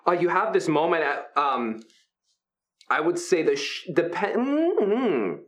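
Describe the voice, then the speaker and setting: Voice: medium pitch, big pitch swings, takes it slowly. A game master narrating a tabletop role-playing game with dramatic, suspenseful scene-setting. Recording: music behind the voice.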